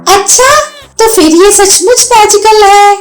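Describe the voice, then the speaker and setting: A woman voicing a greedy, childish young wife who whines and pleads in a high voice for a cartoon story. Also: takes it slowly, soft background music. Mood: eager. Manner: pleading, high-pitched wailing.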